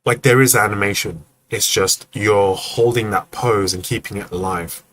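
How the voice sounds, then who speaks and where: Here a man with a voice on the low side speaks at a moderate pace, slightly bright, on a rough recording with no room sound. He runs a live stream where he gives casual, friendly animation feedback, acts out the movements he describes, and makes joking asides to chat.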